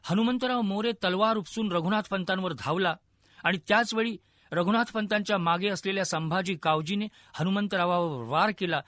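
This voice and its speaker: A male storyteller with a high, bright voice tells a historical tale vividly and expressively. The recording is dry and close, with no room sound. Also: moderate pace, no echo. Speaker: narrator. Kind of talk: dramatic storytelling narration.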